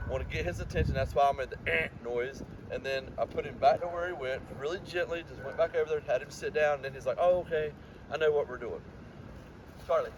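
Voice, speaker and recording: A man's voice: on the high side, background noise. A man working as a dog trainer, explaining each step of a walk while giving his dog commands outside. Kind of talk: outdoor training demonstration.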